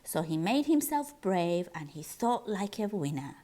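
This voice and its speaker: A woman reading a rhyming children's picture book aloud in an expressive, sing-song storytelling style. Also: on the low side, unhurried.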